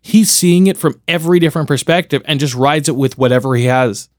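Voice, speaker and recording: A young man co-hosting a podcast in casual chat, excitable and swearing, often restarting his sentences. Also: fairly high pitch, a little fast, no room sound, clean studio sound. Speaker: podcast co-host.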